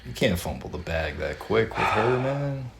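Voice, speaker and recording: A young man, trading easygoing jokes as a podcast co-host. The sound is roomy, bouncing off garage walls, with a steady hiss of noise underneath. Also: lowish voice, moderate pace, creaky. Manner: laid-back joking, opens the show. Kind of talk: casual banter. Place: unheated home garage. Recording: echoey garage with noticeable noise.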